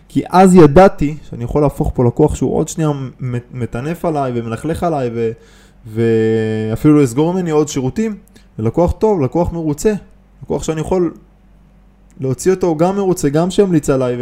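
A man's voice: a little high, dark tone. A man hosting a podcast on business and mind, talking casually and with emphasis, asking rhetorical questions and restarting often. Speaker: podcast host, business coach. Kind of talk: casual motivational podcast talk.

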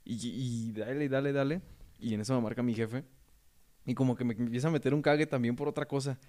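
A young Mexican man spins a loose, slangy anecdote in relaxed conversation. His voice sits at an ordinary middle pitch, and he laughs easily as he rambles. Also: a little fast. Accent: Mexican Spanish. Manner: slangy, rambling storyteller who laughs often. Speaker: podcast host. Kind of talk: casual chat.

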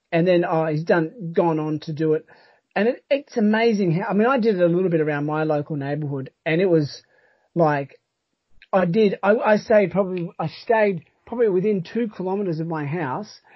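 An Australian man hosting a podcast in casual chat, talking in a halting, rambling but enthusiastic way. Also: on the high side, slightly rough, dry recording. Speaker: podcast host. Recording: dull, lo-fi sound.

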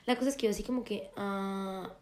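A woman's voice: mid-range voice, brisk, a little hiss or hum. A young woman, chatting casually and acting out quoted dialogue as she tells a story. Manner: animated, acts out quoted dialogue.

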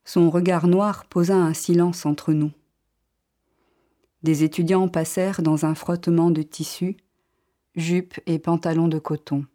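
Woman reading a story aloud, really slow and unhurried, a bit low. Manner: slow, calm, measured first-person reading. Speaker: narrator. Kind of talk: literary audiobook reading.

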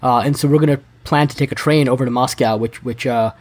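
A man chatting as a podcast guest, talking fast with many restarts and repeated words. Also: medium pitch, steady tone, darkish tone. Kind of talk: casual interview chat.

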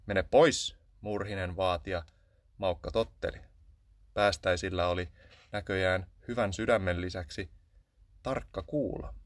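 Low-voiced man reading a storybook. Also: fairly even intonation, long pauses, no echo, studio quality. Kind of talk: scripted storybook narration.

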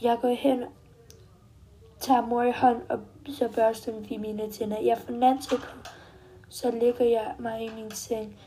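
A woman's voice: on the high side, flat delivery, mellow. A woman reading a first-person children's story aloud in simple, short, step-by-step sentences.

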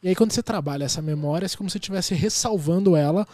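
A man speaks as a hypnotherapist guest in a casual podcast. He explains things step by step with technical words. His voice is a little high for a man. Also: rapid-fire, a little mellow, no room sound. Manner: explanatory, uses technical terms. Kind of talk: explaining his work in a chat.

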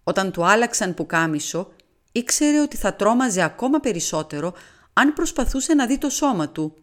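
A woman reading a classic novel aloud as an audiobook, in an expressive, dramatic narration. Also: mid-range voice. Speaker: audiobook reader. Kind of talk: scripted literary narration.

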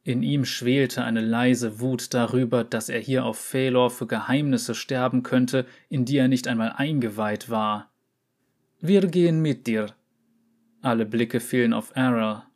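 A man narrating a short story as an audiobook, steady and even. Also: mid-range voice, measured pace, few pauses. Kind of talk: audiobook reading.

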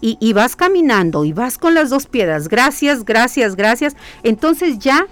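A woman's voice: a little high, sing-song, normal speed. A woman, a workshop leader answering interview questions in an earnest, repetitive way, often posing questions to herself. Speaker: guest, spiritual hiking workshop leader. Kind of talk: conversational interview.

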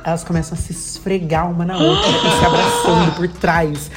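A young woman co-hosting a podcast, telling building gossip in a casual, animated way with plenty of swearing and pet names for her friends. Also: on the low side, normal speed, over music. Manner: animated, swears freely, calls friends "amiga" and "gata". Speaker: podcast co-host.

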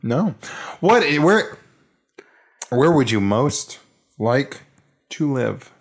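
A man with a loud voice chatting as a podcast guest, joking and sarcastic. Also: medium pitch, very animated, extremely slow. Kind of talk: casual chat.

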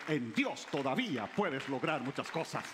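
A male pastor preaching a sermon, calling out to the congregation and swinging between loud rises and low drops. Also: big pitch swings, normal speed, a crowd in the background, noisy background. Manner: calls out to the congregation.

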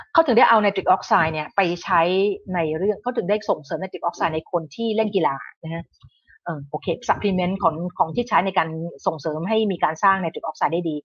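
A woman with a lowish, husky voice gives a relaxed online health lecture. She talks in a chatty way, mixing in English medical terms and restarting her phrases. The sound is dry and a little dull, like a lo-fi recording. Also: dry recording. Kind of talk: casual online health talk.

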